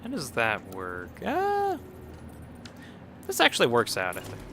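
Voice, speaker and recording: His mid-range voice swoops wildly in pitch and moves a little slowly as he streams a game, rambling casually, replying to chat and chuckling often. A cold leaves him somewhat nasal, and game music plus background noise can be heard.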